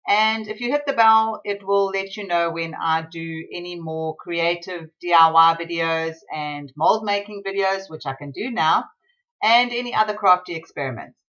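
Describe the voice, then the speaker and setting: A woman from South Africa talking through a craft tutorial as a rambling, excitable voiceover. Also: fairly low pitch, moderate pace, muffled recording.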